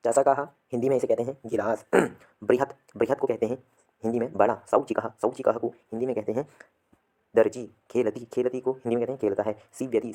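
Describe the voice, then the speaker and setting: A man's voice: medium pitch, mellow. A man teaching a classroom lesson, repeating each word and asking and answering his own questions. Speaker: Sanskrit teacher. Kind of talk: classroom lesson explaining vocabulary.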